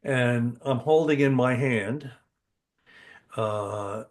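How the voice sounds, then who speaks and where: A man's voice: mid-range voice, very slow. An older man co-hosting a podcast, chatting with eager enthusiasm, restarting his sentences often. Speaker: podcast co-host. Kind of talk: casual podcast chat.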